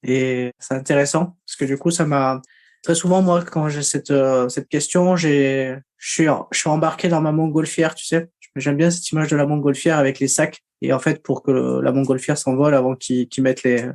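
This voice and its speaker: A man's voice: fairly high pitch, fairly even intonation, moderate pace, darkish tone. A man hosting a podcast interview, speaking casually with many hesitations and fillers. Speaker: podcast host.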